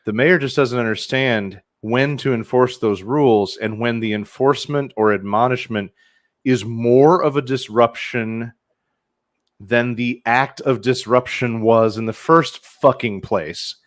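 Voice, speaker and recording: A man's voice: mid-range voice, measured pace. Give me a man hosting a podcast, crude and sarcastic. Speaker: host. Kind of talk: casual podcast commentary.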